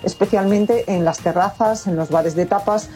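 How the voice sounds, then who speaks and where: A woman speaking for the restaurant trade in a calm, informative soundbite. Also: mid-range voice, normal speed, soft background music. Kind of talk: interview soundbite.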